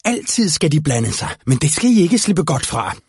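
A gaunt old sorcerer hisses with spite in a read-aloud fairy tale, put on by a man. The voice sits higher than a plain man's and has a husky grain. It is recorded close and dry. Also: sing-song, darkish tone, no room sound, exaggerated voice. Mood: spiteful. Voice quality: hissing. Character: old bony hissing male sorcerer, spiteful.

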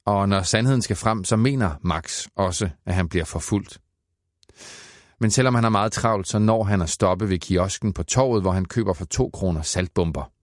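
A man narrating a children's audiobook in a playful, expressive way. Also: sits low, no room sound, clean studio sound.

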